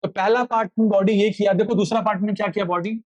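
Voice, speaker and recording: A man's voice: high voice, fairly even intonation, fast talker, lo-fi sound. A man teaching a physics lesson, asking questions aloud and answering them himself, slipping English phrases into his explanation. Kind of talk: classroom lecture.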